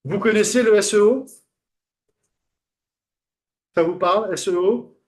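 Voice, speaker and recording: A man giving a classroom lecture, talking conversationally, asking the class questions and pausing on fillers. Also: high-pitched.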